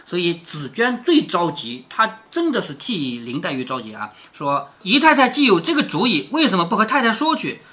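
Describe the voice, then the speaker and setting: A man reads a classic novel to his daughter and explains each scene as he goes. He often stops to check whether she follows, much as a teacher would. His voice is bright and his pitch moves widely. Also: very animated, normal speed, hardly any pauses. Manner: keeps asking rhetorical questions like a teacher. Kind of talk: explanatory novel reading and commentary.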